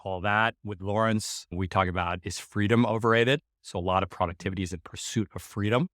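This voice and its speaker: A man from the United States hosting a podcast, chatting in an animated, rambling way with casual swearing. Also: on the low side, a little fast, no room sound, clean studio sound. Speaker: podcast host. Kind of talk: casual conversation.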